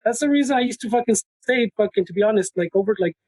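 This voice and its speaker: A man's voice: high-pitched, rapid-fire, darkish tone, breathy edge, dry recording, poor audio. A man co-hosting a podcast, trading brash, slangy banter full of swearing and switching between English and Spanish. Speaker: podcast co-host.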